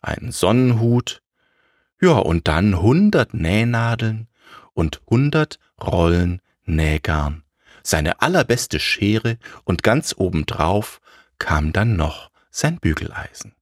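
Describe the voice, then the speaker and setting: A man telling a fairy tale aloud in a lively, playful storytelling way. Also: on the low side, takes it slowly, no echo, studio quality.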